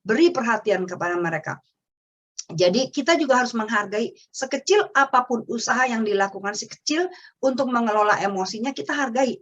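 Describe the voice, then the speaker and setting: A woman's voice: on the high side, lively intonation, brisk, fairly bright tone, lo-fi sound. A woman giving a parenting webinar talk, explaining step by step and acting out what a parent might say to a child. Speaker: parenting speaker.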